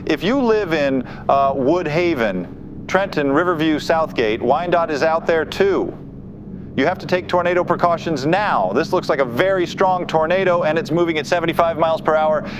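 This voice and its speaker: A man with a fairly high voice and a moderate pace reports on a tornado live as a weather forecaster. His delivery is urgent, grave and insistent, spoken off the cuff, and faint noise sits under dull, muffled audio.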